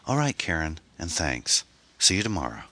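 A man's voice: a bass voice, huge pitch swings, normal speed, bright, forceful tone, husky, no room sound, full character voice. A man voicing a worried, hesitant middle-aged single mother. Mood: anxious.

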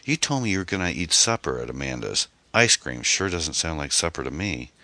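A man's voice: extremely low pitch, sing-song, a little fast, pushed and bright, no echo, exaggerated voice. A man voicing a worried, hesitant middle-aged single mother. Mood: motherly.

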